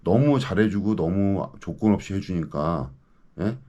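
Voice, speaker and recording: A man in his fifties rants with mounting indignation, his pitch leaping and dropping in lively swings. His voice sits low and dark. Again and again he demands answers from the people he is addressing. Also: unhurried, muffled recording. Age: 50s. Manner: indignant, ranting, keeps demanding "예?". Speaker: local news commentator. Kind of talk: ranting monologue to camera.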